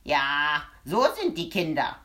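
A woman's voice: on the low side, very animated, moderate pace. Woman voicing a spiteful little man. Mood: grumbling. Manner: shouting, sneering, gleeful cruelty. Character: spiteful little man who hates children. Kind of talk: audiobook character voice.

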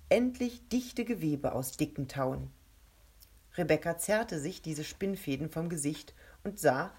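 A woman narrating an adventure story aloud in a steady, measured way. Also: low voice, slightly rough.

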